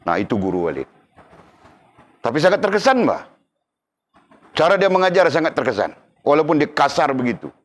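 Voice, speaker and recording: A man's voice: on the high side, very animated, fairly quick, pauses often. Middle-aged man, religious teacher giving an emphatic class and checking often that students follow.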